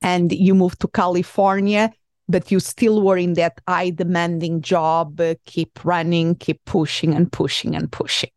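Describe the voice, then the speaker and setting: Portuguese-accented woman host, low voice. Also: level tone, unhurried, a little mellow, no echo, clean studio sound. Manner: hesitant, many fillers and restarts. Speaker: podcast host. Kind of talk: conversational interview.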